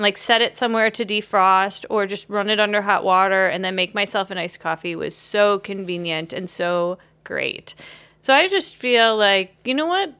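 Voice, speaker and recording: Bright, animated woman co-hosting a podcast. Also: mid-range voice. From Chicago area. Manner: animated, exclaiming, swears casually. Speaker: podcast co-host. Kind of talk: casual chat.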